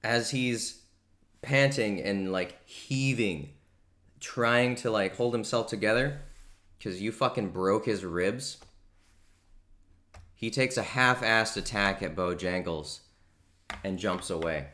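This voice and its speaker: A man's voice: lowish voice, takes it slowly, long pauses, bright, forceful tone. A young man narrating as game master, casually explaining rules and laughing easily.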